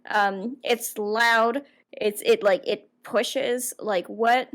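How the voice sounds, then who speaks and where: A woman's voice: on the high side, steady tone, very slow. A woman narrating as dungeon master of a tabletop game, talking in a rambling way with many fillers and restarts.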